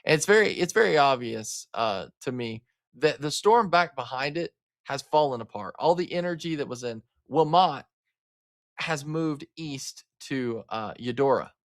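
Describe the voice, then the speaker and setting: A man's voice: mid-range voice, animated, a little slow. Chatty man from Arkansas hosting weather stream. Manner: casual, chatty, talks to viewers as guys, frequent fillers. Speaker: livestream weather host. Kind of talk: live weather coverage.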